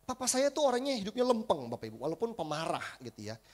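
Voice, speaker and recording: A male pastor, preaching a sermon in a chatty, animated storytelling manner and often addressing the congregation directly. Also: sits high, fast. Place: church service.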